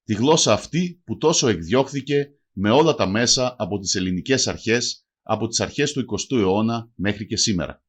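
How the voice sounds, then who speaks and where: Man narrating a lively scripted language lesson. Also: fairly low pitch. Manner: slow, deliberate spelling out of example words. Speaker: language teacher.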